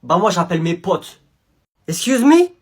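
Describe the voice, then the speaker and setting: A man's voice: sits high, sing-song, a little slow, husky, heavily acted. A man voicing a cheeky, insolent boy pupil who talks back in swaggering street slang. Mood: defiant.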